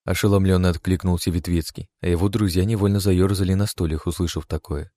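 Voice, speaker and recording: Deep dark-voiced male audiobook narrator. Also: steady tone, quick pace, dry recording.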